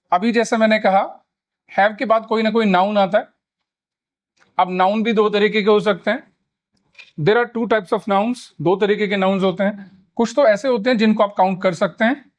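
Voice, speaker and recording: A man teaching grammar in Hindi. He repeats model sentences slowly and deliberately, with frequent "yes" check-ins. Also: sits high. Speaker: English teacher. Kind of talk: spoken grammar lesson in Hindi with English examples.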